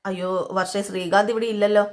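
A woman's voice: medium pitch, little pitch movement, fast, close to an everyday voice. A woman voicing a nervous young male friend who dodges questions in a retold TV serial, in an evasive, stammering manner.

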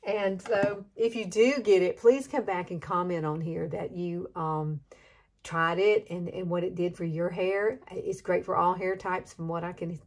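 A woman's voice: fairly low pitch, fairly even intonation, unhurried. A woman in her late fifties from Alabama with a Southern accent, chatting through a hair tutorial in a gushing, folksy way. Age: 50s. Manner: gushing, chatty, drawling with laughs. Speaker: beauty vlogger. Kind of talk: casual hair tutorial chat.

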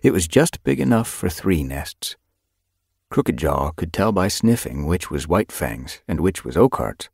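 A man narrating an audiobook with expressive, animated storytelling. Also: low-pitched, unhurried, gravelly, breathy edge, no echo, studio quality.

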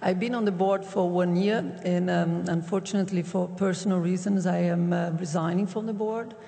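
A woman's voice: on the low side, steady tone, moderate pace, vocal fry, mellow. A woman, an outgoing board member, slightly flustered as she introduces herself. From Brazil. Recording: distant mic in reverberant hall.

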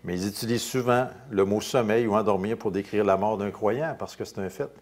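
A male pastor with a Quebec French accent preaching a sermon, reading scripture aloud and commenting in quieter, casual asides. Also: on the low side, a little fast. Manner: lively preaching, rising loud on scripture then dropping to quiet asides.

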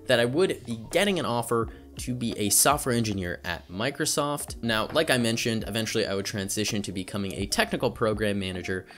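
A man's voice: lowish voice, animated, brisk, few pauses, fairly bright tone, soft background music. A young man talking casually to camera in a vlog, chatty and rambling with lots of fillers, about his own experience. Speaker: YouTuber. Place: home setup. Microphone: studio microphone.

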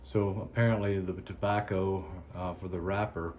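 A man with a Southern accent, hosting a casual unboxing chat in an unhurried, halting way with many ums and restarts. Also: low-pitched, level tone, a little mellow, soft background music. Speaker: cigar channel host.

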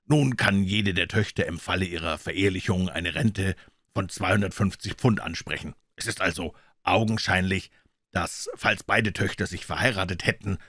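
A male reader voicing a calm, polite detective who stays unruffled and reasons things through. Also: deep voice, moderate pace, no echo, studio quality. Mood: wry.

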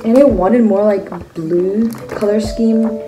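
A teenage Chinese vlogger speaks slowly at medium pitch while showing off her merch haul in a relaxed, filler-heavy way. She's indoors at a bedroom table, filmed up close with a phone camera. Background music runs through the rough recording.

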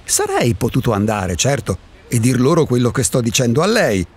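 In a radio drama, an actor plays an eccentric, disillusioned male recluse who muses philosophically through theatrical rhetorical questions. His husky, mid-range voice swings widely in pitch at a moderate pace, with a darkish tone and a wry mood.

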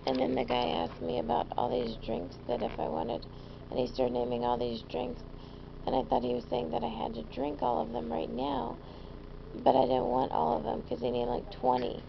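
A woman's voice: fairly high pitch, moderate pace. A young woman, groggy and loopy as she comes round from anesthesia, rambling casually to a handheld camera from a hospital bed. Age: young adult. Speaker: patient vlogging. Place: small hospital room, lying in bed. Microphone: handheld camera at arm's length. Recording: dull handheld camera audio, clearly noisy.

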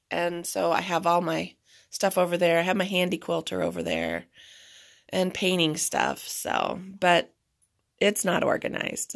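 A woman with a raspy voice chatting casually as she shows her home craft room, self-deprecating and easygoing. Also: fairly low pitch. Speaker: crafter giving a room tour. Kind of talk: casual home tour narration.

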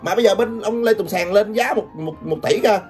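A woman's voice: medium pitch, fairly quick, a little mellow. An older woman giving taunting gossip commentary, laughing often and constantly addressing her viewers. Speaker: gossip vlogger. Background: background music.

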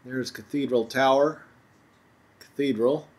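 A man narrating his own road trip as a travel voice-over, in a relaxed, chatty tour-guide manner. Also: medium pitch, unhurried.

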